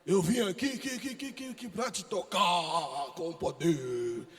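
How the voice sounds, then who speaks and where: A preacher putting on a spooky mystical god voice. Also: male voice, high-pitched, fairly bright tone, voice pushed down. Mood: eerie. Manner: slow, drawn-out, breathy theatrical intoning. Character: spooky mystical voice imagined as God's, male.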